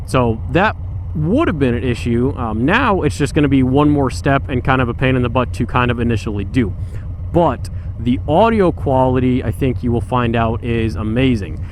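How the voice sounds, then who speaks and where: A man's voice: mid-range voice, animated, normal speed, low-quality recording. A man talking in a casual, rambling motorcycle vlog, informal and mildly exasperated, on a mic tucked under his helmet chin guard. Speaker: motorcycle vlogger. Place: outdoors on a motorcycle. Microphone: external mic under helmet chin guard. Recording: loud outdoor vehicle and road noise.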